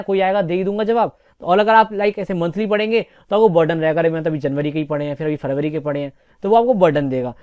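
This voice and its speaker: A man's voice: on the high side, a little mellow, dry recording. A young man teaching exam preparation topics in a casual, chatty lecture style, often checking in with his students. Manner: chatty, repeats "theek hai" often.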